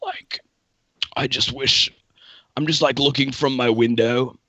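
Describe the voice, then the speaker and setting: Australian man doing a raspy surfer dude. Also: mid-range voice, fairly even intonation, unhurried, pushed and bright, dry recording, highs cut off. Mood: wistful. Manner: drawling, wistful, slangy. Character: laid-back raspy young surfer dude.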